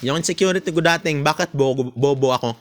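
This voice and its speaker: A man's voice: fairly high pitch, fast. A man, ranting in a casual monologue, bitter and taunting, laughing between jabs and switching into English. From Philippines.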